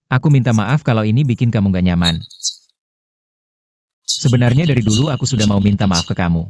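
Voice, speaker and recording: An actor dubbing an earnest young man who speaks calmly and sincerely. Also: on the low side, brisk, no echo, clean studio sound. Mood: apologetic. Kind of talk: dubbed drama dialogue.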